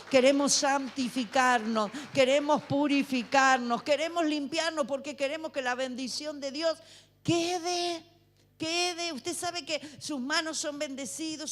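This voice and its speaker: A woman preaching a fervent sermon in church, building to shouted exhortations. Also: high-pitched. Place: church sanctuary.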